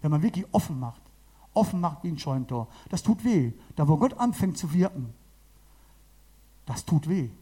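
A man preaching to a gathering of about forty people, his voice mellow and warm yet a touch high. He talks with lively emphasis, circling back to repeat key phrases. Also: moderate pace, long pauses, husky. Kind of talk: sermon to a congregation.

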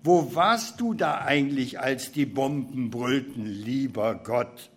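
A man's voice: medium pitch, takes it slowly, slightly rough. A man voicing a bitter, grieving young war returnee who accuses God, in a dramatic reading. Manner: accusing, rising to outbursts.

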